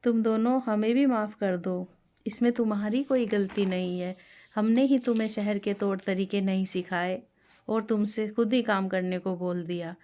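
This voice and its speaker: A woman's voice: medium pitch, moderate pace, mellow, a little hiss or hum, close to an everyday voice. Woman doing a blunt city daughter-in-law, plain everyday voice, curt. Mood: apologetic. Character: city-bred elder daughter-in-law, sharp-tongued.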